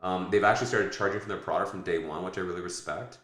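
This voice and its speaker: Fast, deep-voiced American man rambling. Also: fairly even intonation, fairly bright tone, reverberant. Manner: rambling, self-correcting, many fillers. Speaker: podcast co-host. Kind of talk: casual podcast chat.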